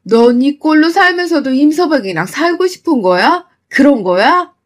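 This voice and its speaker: A woman voicing a fierce, protective middle-aged mother who scolds her daughter loudly. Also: a little high, unhurried, lightly acted. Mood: angry.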